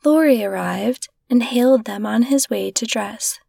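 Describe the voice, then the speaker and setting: A woman narrating a classic short story in a gentle, measured reading voice. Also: on the high side, vocal fry, dry recording, studio quality. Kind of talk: scripted narration.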